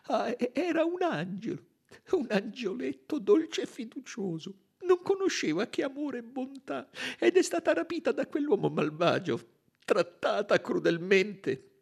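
Man voicing a crying nanny, very high, husky, sobbing. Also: very animated, a little slow, darkish tone, heavily acted. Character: weeping Swedish nanny, woman.

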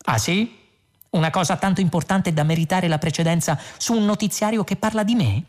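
A man's voice: high-pitched, a little fast, voice pushed up, close to an everyday voice. A man playing Zaphod, a vain, scatterbrained galactic rogue. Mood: boastful. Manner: boastful, feigning dimness. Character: vain, scatterbrained two-headed male galactic president.

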